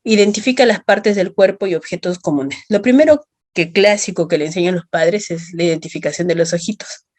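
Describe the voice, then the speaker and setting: A woman's voice: lowish voice, fairly quick, a little mellow. A woman with a Peruvian accent giving a lecture to students, explaining step by step and checking in with short tag questions. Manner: explanatory, checks understanding with tags. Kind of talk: online class lecture.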